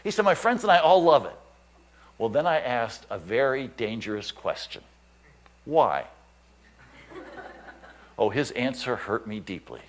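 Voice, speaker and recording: An American missionary pastor delivers a storytelling sermon in a mid-range voice, speaking at a measured pace with frequent pauses. He's an animated storyteller who chuckles and acts out the voices of the people he quotes. There's a little hiss or hum in the audio.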